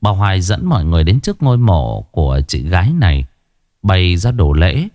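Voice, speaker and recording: A man narrating a ghost story in a lively, expressive way. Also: sits low, fairly quick, no room sound, clean studio sound. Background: faint background music.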